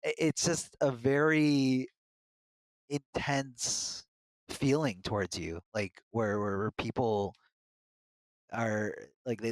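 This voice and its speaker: A game commentator appears as a guest on a casual podcast, telling candid stories in an earnest way. His voice is fairly low, and the recording is rough but has no echo.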